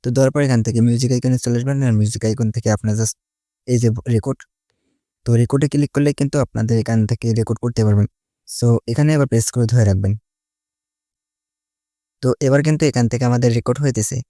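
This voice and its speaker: A tutorial host talks a casual step-by-step lesson in Bengali, dropping in English words and leaning on the same linking phrases again and again. His mid-range voice is warm and fast, broken by long pauses. The studio recording is clean with no echo.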